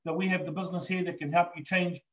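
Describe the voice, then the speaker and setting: A middle-aged man with a New Zealand accent gives an earnest, enthusiastic live online sales presentation on a video call, indoors in front of a green backdrop. His high voice stays steady and fast, with many fillers.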